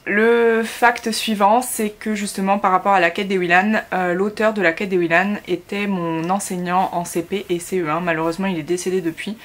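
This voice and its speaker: A woman's voice: medium pitch, steady tone, moderate pace, hardly any pauses. A woman in her twenties from France, talking casually to camera for her vlog, chatty, with many fillers and restarts. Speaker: YouTuber. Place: at home in Korea.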